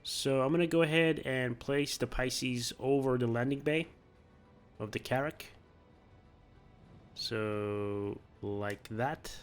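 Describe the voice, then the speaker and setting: A man of medium pitch giving casual gameplay commentary, coaching himself through each careful step with little chuckles. Soft music sits faintly underneath. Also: slow pace, long pauses, smooth. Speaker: gameplay video host.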